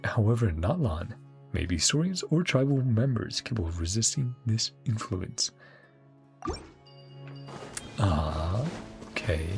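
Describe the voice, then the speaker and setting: With game music playing underneath, a man mutters and thinks aloud to himself as he plays, occasionally singing syllables in casual streamer commentary. He has a lowish, gravelly voice with big pitch swings, a somewhat slow pace, and frequent pauses.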